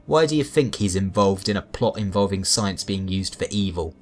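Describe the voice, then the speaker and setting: A man with a low-sitting, expressive voice, speaking at a normal speed, presents a scripted video game review. Sarcastic, wry comments pepper the script, and background music sits behind him.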